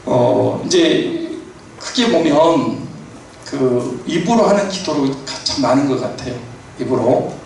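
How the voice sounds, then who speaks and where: A man's voice: medium pitch, expressive, slow pace, vocal fry, a little mellow, a little hiss or hum. A man preaching a sermon as pastor in a church, in a conversational way with many fillers and affirmations. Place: church sanctuary. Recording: echoey church hall from far off.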